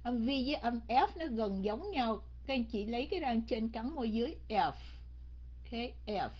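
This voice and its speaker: Woman language teacher, higher voice, unhurried syllable-by-syllable drilling, muffled lo-fi sound. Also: animated. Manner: slow, drilling words syllable by syllable. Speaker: English teacher. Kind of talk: pronunciation lesson. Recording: dull lo-fi recording.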